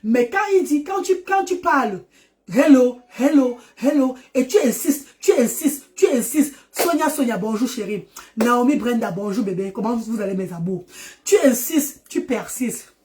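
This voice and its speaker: A woman's voice: fairly high pitch, moderate pace, hardly any pauses, darkish tone. A middle-aged woman from Central Africa, hosting a live stream and talking to her viewers in an affectionate, preachy way, urging them on with lots of repetition.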